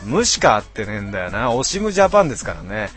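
Young man in his twenties, low voice, tipsy, rambling slangy stream chat, faint music behind. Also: sing-song, rapid-fire, fairly bright tone. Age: 20s. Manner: rambling, rough slangy self-mocking banter. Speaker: live streamer. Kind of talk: casual live-stream chat reading viewer comments.

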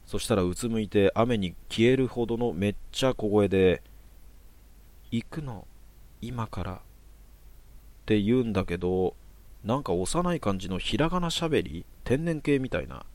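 A man calmly reading out short horror stories in a matter-of-fact manner. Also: lowish voice, a little fast, dry recording. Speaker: storyteller. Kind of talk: narrated horror story.

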